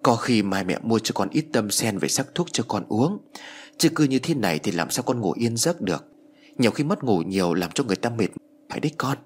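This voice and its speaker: A man's voice: fairly low pitch, animated, fairly quick, a little hiss or hum, natural voice. A man voicing an older village mother-in-law in a spoken ghost story, motherly and commanding.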